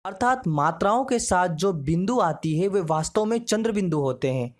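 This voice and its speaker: A woman teaching a grammar lesson, slow and measured, drawing out each example word. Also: mid-range voice, a little mellow.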